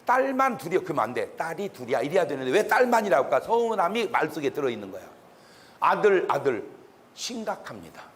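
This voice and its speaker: A man, a pastor, giving a humorous public lecture in an animated, joking way, sometimes bursting into shouts. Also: on the high side, quick pace.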